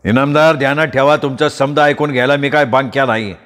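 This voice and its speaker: A man's voice: mid-range voice, steady tone, brisk, a bit bright, big-room sound, natural voice. A male storyteller playing a fierce, burly village guard who talks bluntly and defiantly.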